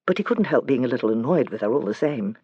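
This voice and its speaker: A man narrating a children's fantasy audiobook in a measured storytelling manner. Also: mid-range voice, expressive, husky, dry recording, dull audio. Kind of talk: scripted narration.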